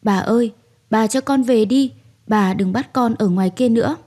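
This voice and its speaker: A woman playing a young pregnant servant girl, crying and pleading in a storybook reading. her voice climbs high and shaky as she begs, with a mellow, warm tone underneath. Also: moderate pace, lightly acted. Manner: tearful, begging.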